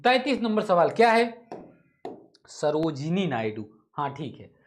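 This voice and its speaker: A man's voice: a little high, big pitch swings, a little slow, slight background noise. A male teacher leading an online test-solving class, repeating each question, thinking aloud, correcting himself and tossing casual asides to students. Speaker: exam-prep teacher.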